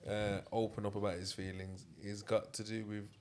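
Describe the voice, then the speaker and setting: A man's voice: fairly low pitch, little pitch movement, moderate pace, darkish tone, slight background noise. A man hosting a casual podcast chat, laid-back and slangy, making his points step by step. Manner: laid-back, slangy, makes points with "innit" and "you get it".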